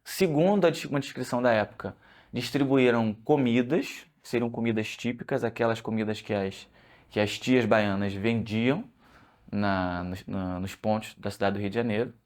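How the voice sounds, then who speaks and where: A man's voice: lowish voice, normal speed, darkish tone. A man speaking as a researcher in a documentary interview, explaining at length with frequent restarts.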